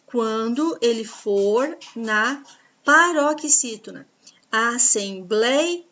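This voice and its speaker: A woman teaching a grammar lesson, patiently explaining rules and spelling out examples slowly. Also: a little high, a bit bright, dull audio. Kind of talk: grammar lesson over slides.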